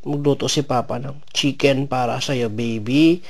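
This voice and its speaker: A man's voice: medium pitch, fairly even intonation, measured pace, gravelly. Male, fatherly. Casual, playful, affectionate bedtime talk directed at a small child. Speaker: father talking with his young child.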